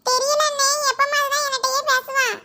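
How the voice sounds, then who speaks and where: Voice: very high-pitched, flat delivery, fairly quick, sharp tone, full character voice. A performer voicing a cheeky know-it-all boy in a cartoon, with a Kanyakumari Tamil accent and a teasing manner. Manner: teasing, refusing. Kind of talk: cartoon voice acting.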